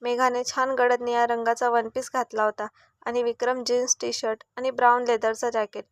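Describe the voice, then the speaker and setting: A woman reads a family story aloud in a steady, descriptive manner. Her voice is fairly high and level. The sound is dry and close. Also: moderate pace, no room sound. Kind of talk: scripted story narration.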